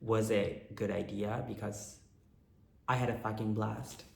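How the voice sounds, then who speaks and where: Cracked, hoarse young man in an echoey room. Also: fairly low pitch, fairly even intonation, a little slow. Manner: candid, slangy, rambling, dramatic. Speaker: vlogger. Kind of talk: casual chatty storytime. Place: indoors in an apartment.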